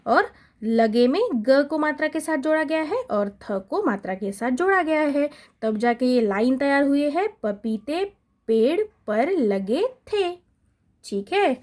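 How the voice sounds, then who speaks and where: A woman teaching young children a Hindi lesson, reciting syllables and words slowly and checking in with them often. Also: sits high, sing-song. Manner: repetitive, checks in with "है ना?" and "ठीक है?". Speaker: primary school Hindi teacher. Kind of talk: slow classroom recitation.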